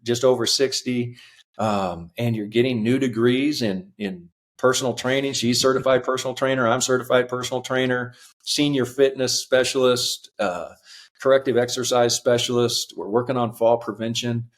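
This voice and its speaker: A man in his fifties, a podcast guest telling his life story earnestly, halting with fillers. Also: mid-range voice, fairly even intonation. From United States. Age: 50s. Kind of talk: reflective personal storytelling.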